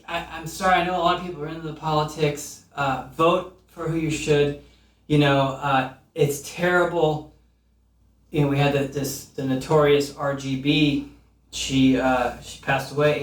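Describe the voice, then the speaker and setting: A middle-aged man with a high voice delivers a rambling, profane comedy rant with mock-earnest swings. He sits a bit back from the mic, and the room around him echoes. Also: recorded from a distance. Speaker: comedian host. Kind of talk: comedic monologue.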